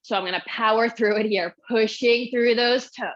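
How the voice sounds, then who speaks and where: A woman's voice: fairly high pitch, steady tone, moderate pace, a bit bright. A young woman teaching a Pilates workout, counting reps and cueing moves while she exercises, short of breath. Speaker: Pilates instructor. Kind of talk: guided workout instruction. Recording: dull lo-fi audio.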